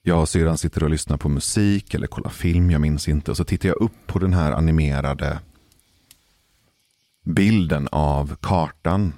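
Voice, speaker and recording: Very deep gravelly man telling a story. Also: mellow, no echo. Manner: measured, deliberate pauses for suspense. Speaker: podcast storyteller. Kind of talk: casual spoken storytelling.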